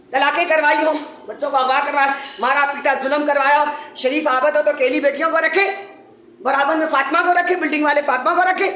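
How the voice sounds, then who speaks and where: Woman, high voice, urgent accusing appeal, echoey room at home. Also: a bit bright, a little hiss or hum. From Pakistan. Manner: urgent, accusing, repetitive pleading. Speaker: mother making a public appeal. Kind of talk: impassioned complaint to camera. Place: her home, indoors.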